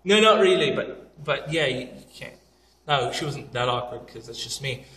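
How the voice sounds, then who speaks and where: A man's voice: mid-range voice, lively intonation, normal speed, bright, forceful tone, reverberant, recorded from a distance. A young man telling funny travel stories in a casual, joking, self-deprecating way, talking straight to camera. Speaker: vlogger.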